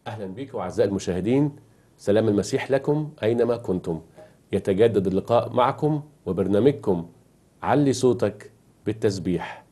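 Fast-talking Egyptian man hosting. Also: on the low side, expressive, mellow. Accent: Egyptian Arabic. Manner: courteous and formal, welcoming guests. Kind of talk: studio talk show hosting.

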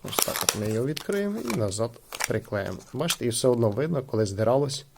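Talking fast and very animated, this unboxing host and reviewer has a medium-pitched voice with vocal fry, and background noise is audible. He keeps things casual and chatty, hesitating and relying on filler phrases.

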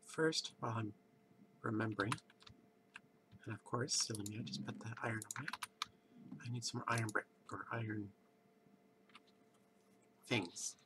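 A let's play host talks in a lowish voice with fairly even intonation, sounding stuffy and congested since he's just woken up. Commentating on gameplay from his home computer, he rambles casually and thinks aloud with pauses. The recording has background noise with keyboard clicks.

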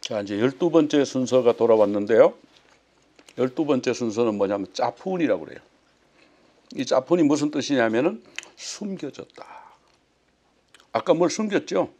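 A man's voice: medium pitch, lively intonation, normal speed, long pauses, mellow. A male pastor teaching a sermon, telling the story with frequent rhetorical questions. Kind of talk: sermon teaching on a Passover meal.

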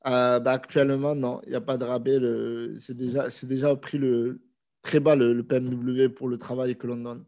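Sitting in a small room with a desk mic on a video call, this thirtysomething man is live streaming and fielding viewer questions while he has a cold. He sounds relaxed and chatty, often hesitating, in a mid-range voice at moderate speed.

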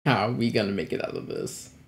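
A man's voice: fairly low pitch, animated, fast, creaky. A man in his twenties giving casual reaction commentary in a slangy, exclamatory way. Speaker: reaction video host. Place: small indoor room at home.

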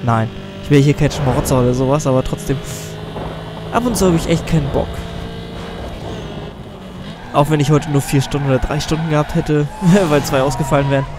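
Over game music and car sounds, a teen let's play gamer who's a bit under the weather with a cold rambles self-deprecatingly through a racing game. His voice is on the high side, a little fast, with long pauses.

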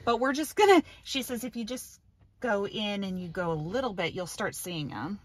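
A woman's voice: medium pitch, lively intonation, normal speed. A woman talking casually on a hike, thinking aloud and sprinkling in fillers. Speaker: hiking companion. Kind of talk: casual chat. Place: outdoors on a mountain trail.

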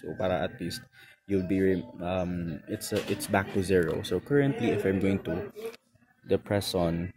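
A man with a Filipino accent, outdoors beside his motorcycle, casually explaining settings step by step with fillers and quick self-corrections. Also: low voice, crowd noise. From Philippines. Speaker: motovlogger. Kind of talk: casual how-to walkthrough. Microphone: camera close to the instrument panel.

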